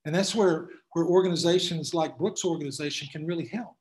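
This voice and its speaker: A man's voice: on the high side, fairly quick, darkish tone. A man speaking to a class, answering questions in a folksy, emphatic storytelling way.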